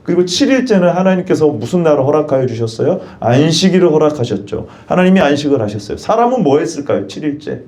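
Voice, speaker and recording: Lively high-voiced male pastor preaching. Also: fast, few pauses. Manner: asks questions and has the congregation repeat. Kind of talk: sermon. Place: church.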